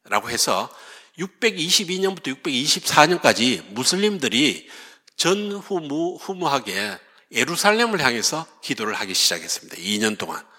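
A man giving a history lecture as lively storytelling, now and then acting out what people said. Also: mid-range voice, moderate pace, in a large hall. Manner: lively storytelling, acts out quoted speakers.

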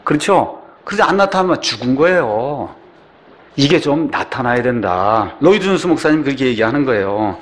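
A man's voice: mid-range voice, normal speed. An older man preaching a sermon as a pastor, often asking his listeners questions. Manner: animated, asks the congregation questions.

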